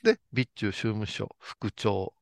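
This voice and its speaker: A middle-aged monk, telling a story in casual chat and acting out the people in it. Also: male voice, on the low side, takes it slowly, creaky, no room sound, studio quality. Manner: animated storyteller, acts out voices in quotes. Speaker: Buddhist monk, show regular.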